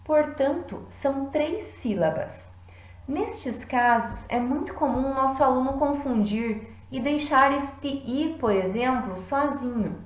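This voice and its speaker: A woman teacher giving a lesson in a clear, deliberate way, clapping out syllables. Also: sits high, roomy sound, rough recording. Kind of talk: classroom lesson.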